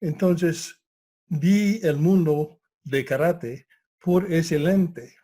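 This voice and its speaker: An older man, an English speaker, reflects on karate in Spanish. He speaks very slowly and hesitantly, often pausing to find words. His voice sits fairly high and has a warm, mellow tone. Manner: hesitant, searching for words with many pauses. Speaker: karate instructor, guest. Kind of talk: reflective conversational talk.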